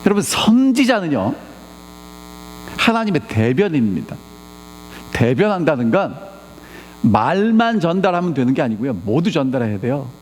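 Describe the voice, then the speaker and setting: A man's voice: fairly high pitch, normal speed, pauses often, slight background noise. A man preaching a sermon as pastor, questioning his congregation again and again. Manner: animated, peppers the congregation with rhetorical questions. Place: church sanctuary. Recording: long church reverb.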